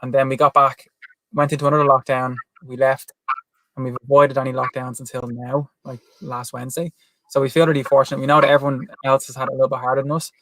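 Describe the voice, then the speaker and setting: Fast-talking Irish man. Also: mid-range voice, little pitch movement, fairly bright tone, dry recording. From Ireland. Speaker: guest vanlife vlogger. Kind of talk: casual chat on a livestream.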